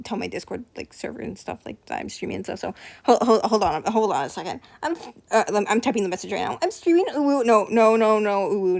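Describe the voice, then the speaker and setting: A woman's voice: fairly high pitch, gravelly. A young woman streaming live, chatting casually, nervous and apologetic, rambling with lots of fillers.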